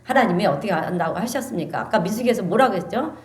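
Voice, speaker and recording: A woman pastor preaching a sermon, animated and calling the congregation to answer amen. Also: medium pitch, quick pace. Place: church sanctuary. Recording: echoey church sanctuary.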